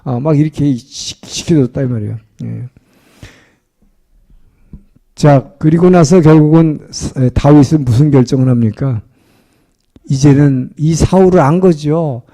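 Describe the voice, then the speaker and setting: A man's voice: a little high, measured pace, pauses often, dark tone. A male pastor preaching a sermon as a storyteller, filling his talk with frequent short affirmations.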